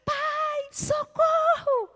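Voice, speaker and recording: A woman voicing a small boy screaming for help from parents, with shrill crying shouts. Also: little pitch movement, extremely slow, full character voice. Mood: panicked. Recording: long reverb, away from mic.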